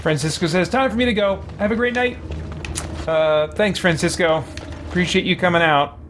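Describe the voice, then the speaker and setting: A man with a high-sitting voice streams a game, chatting casually at a normal speed and thinking aloud while he plays. Game music runs behind his voice, along with some background noise.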